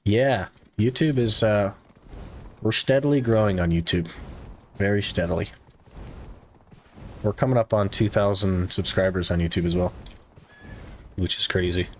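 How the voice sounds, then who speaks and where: His voice is fairly low and moves at normal speed, pausing often, with slight background noise. He's streaming a game live and chatting easily with viewers, leaning heavily on "like."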